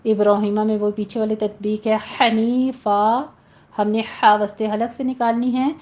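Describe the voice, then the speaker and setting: A woman teaching a tajweed lesson, slowly reciting verses and then explaining the pronunciation rules in a plain instructive voice. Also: medium pitch, level tone, darkish tone, highs cut off. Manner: slow, deliberate, drawn-out recitation between plain instructions.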